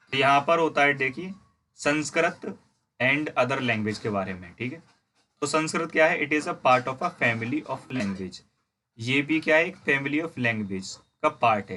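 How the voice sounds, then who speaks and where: A man teaching a history lesson in Hindi. He reads English lines slowly, explains them, and asks and answers his own questions. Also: mid-range voice, pushed and bright, a little hiss or hum. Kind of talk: classroom lecture explaining a textbook.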